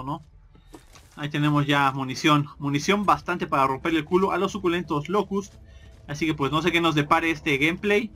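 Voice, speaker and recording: Bright foul-mouthed gamer. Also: male voice, fairly high pitch. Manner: crude, joking, swears constantly. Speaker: gameplay commentator. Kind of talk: casual gameplay commentary.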